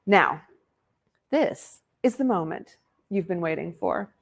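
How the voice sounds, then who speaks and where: A woman's voice: fairly low pitch, lively intonation, gravelly, husky. Bubbly woman hosting a virtual gala. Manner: gushing, playful, quick asides. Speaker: virtual banquet host. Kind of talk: upbeat emcee patter. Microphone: video call.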